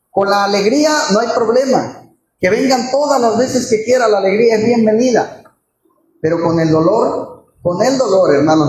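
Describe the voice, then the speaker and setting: A man preaching a sermon, telling a story with feeling and asking the congregation rhetorical questions. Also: sits high. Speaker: pastor. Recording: very echoey church with faint room noise.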